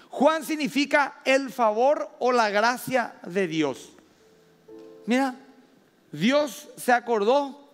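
A man with a Paraguayan Spanish accent preaching a sermon as pastor, stressing words slowly and rising loud at his high points. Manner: emphatic preaching with slow drawn-out stresses and sudden loud rises. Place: church hall. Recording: long reverb of a church hall.

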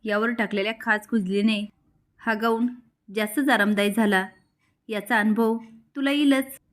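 A woman's voice: medium pitch, fairly even intonation, normal speed, close to an everyday voice. A woman voicing a sly, spiteful young woman who talks smugly to herself, in a drama recap. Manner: smug, muttering to herself.

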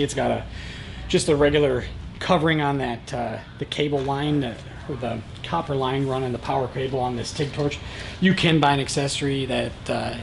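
Here the welding supply reviewer, a man in his thirties, sounds medium-pitched and gravelly while showing off welding gear in a big warehouse. The audio is very noisy, and his easygoing, plain-spoken delivery is packed with "uh" and "um."

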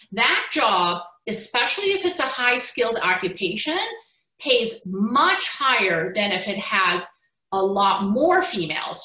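A middle-aged woman physician giving a conference keynote over a video call, explaining slides with lively emphasis and the odd restart. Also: medium pitch, echoey room, poor audio.

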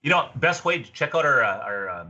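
Over dull, lo-fi video call audio from a small room indoors, a middle-aged man in his fifties delivers a fishing report as a podcast guest representing fishing tourism. His mid-range voice swings widely in pitch, fairly quick, pushed and bright, and his chat is folksy and casual.

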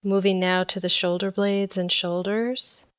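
Guiding a body scan meditation, a woman speaks calmly and instructively at a measured pace, her mid-range voice clear and resonant.

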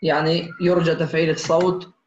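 A man teaches Quran recitation in an online class, his voice sitting high. He is patient, addresses the students as dear ones and stretches out the examples he demonstrates. The sound is muffled and roomy, like a lo-fi call. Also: level tone, slight background noise. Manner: models recitation examples slowly. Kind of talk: online tajweed lesson.

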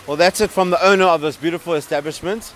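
A man's voice: on the high side, racing, fairly bright tone, a little hiss or hum. A man in his thirties hosting a food show outdoors at a restaurant at night, presenting on camera with enthusiasm and exclaiming over the food into a handheld mic. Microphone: handheld microphone.

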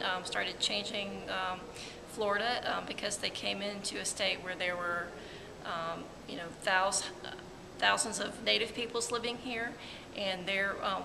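A woman museum curator answering interview questions in an informative way, pausing often with filler words. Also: mid-range voice. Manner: hesitant, many ums, informative. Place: large museum exhibit hall, indoors. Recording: reverberant hall with clear background noise.

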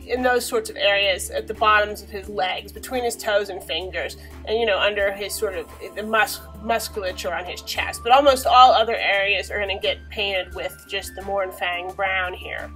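A young woman, slightly hoarse from a cold, chats casually with many fillers while giving a painting tutorial in a small bedroom. Her mid-range voice is pushed and bright, captured on the camera mic in a low-quality recording.

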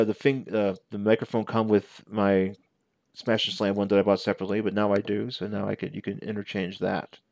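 A man in his forties with a fairly low voice talks through a casual show-and-tell review. His delivery is conversational and halting, often doubling back to correct himself. The sound is close and dry, as from a headset at home. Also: dry recording. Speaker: toy reviewer. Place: small living room at home.

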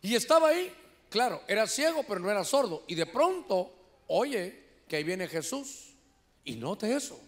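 High-voiced Honduran pastor preaching. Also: male voice, moderate pace. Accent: Honduran Spanish. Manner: animated preaching, often addressing listeners as "hermano"; shouts when voicing quoted cries. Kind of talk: sermon. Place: church sanctuary.

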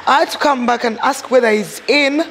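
A young Ugandan woman, an actress, telling lively stories from her career in a casual interview. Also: high voice, a little fast, slight background noise. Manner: animated storyteller, acts out quotes, laughs often. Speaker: actress guest.

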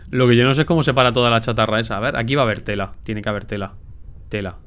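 Swearing, excitable gameplay streamer man. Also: mid-range voice, fast talker, smooth. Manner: excitable, swears a lot, talks to himself. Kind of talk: casual gameplay commentary.

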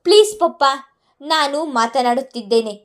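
A woman's voice: high voice, animated, moderate pace. A woman storyteller voicing a young daughter who firmly silences her family. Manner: firm, commanding.

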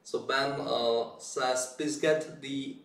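A man's voice: mid-range voice, fairly even intonation, slow pace, fairly bright tone. A man co-hosting a live stream in easygoing casual chat, laughing often, his voice carrying a heavy echo as in a canyon. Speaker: co-host of a software live stream. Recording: echoey room, distant from the mic.

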